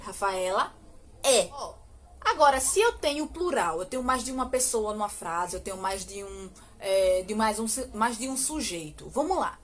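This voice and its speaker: This fairly high, fairly bright-toned voice belongs to a Brazilian woman teaching English grammar to kids online in a recorded lesson, with a Brazilian Portuguese accent. Quick explanations alternate with slow, drawn-out example sentences, and she keeps asking rhetorical questions and saying "ok?".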